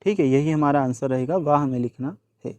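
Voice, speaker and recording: A man's voice: a little high, fairly quick, darkish tone, dry recording. A male teacher working through a workbook solution lesson, addressing children, asking questions and answering them himself, dropping English words and numbers into his speech.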